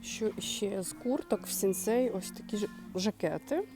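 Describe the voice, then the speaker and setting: Woman, casual shopping vlog, chatty, thinking aloud, mid-pitched voice, music playing behind. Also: expressive, moderate pace. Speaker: shopping vlogger. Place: inside a clothing and home goods store.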